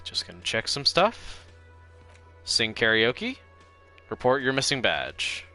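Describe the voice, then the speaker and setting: A man's voice: mid-range voice, wildly swooping pitch, takes it slowly, pushed and bright, soft background music. A man streaming a game, thinking aloud in a casual, self-deprecating way. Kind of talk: casual gameplay commentary.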